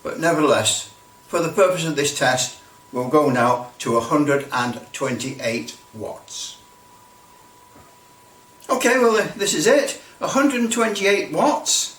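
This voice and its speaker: A man presents a hobby demonstration informally, walking through each step, explaining as he goes and often repeating himself. His voice is a little high and fairly bright, expressive and slow. The mic is distant, with a roomy echo.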